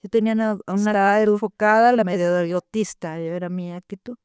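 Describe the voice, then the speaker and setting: A middle-aged woman tells stories in a casual way. Her voice is warm and mellow, and she acts out the lines she quotes. The recording is dry and close. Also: medium pitch, a little fast, smooth, dry recording. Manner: animated, acts out quoted dialogue. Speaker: therapist guest. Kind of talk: casual storytelling.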